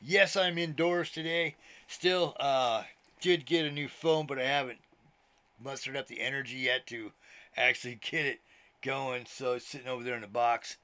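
A man's voice: medium pitch, steady tone, normal speed, bright, forceful tone, clean tone. A man of sixty, a minister hosting his own podcast, talking casually from home in a chatty, meandering way, swearing now and then and often laughing. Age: 60s. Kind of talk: casual rambling monologue. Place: indoors at home, TV on. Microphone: laptop.

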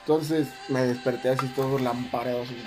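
Young Mexican woman, very low voice, lively slangy storyteller who acts out the dialogue. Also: brisk, music in the background. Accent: Mexican Spanish. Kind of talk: casual chat.

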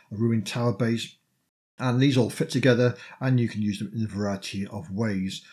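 A male podcast host with a mid-range voice talks casually through a list of tabletop projects. He is chatty and self-interrupting, often letting his phrases sink lower as they finish. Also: darkish tone.

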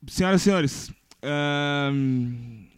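A young man from hosting a podcast, telling stories in a relaxed, slangy way. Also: a little high, extremely slow, clean tone. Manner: relaxed, storytelling, informal slang. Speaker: podcast host. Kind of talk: casual podcast chat.

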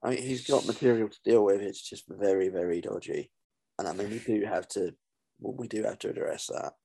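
Gravelly low-voiced man. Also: brisk, warm tone. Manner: chatty, corrective, sweary. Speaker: podcast guest. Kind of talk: casual podcast chat.

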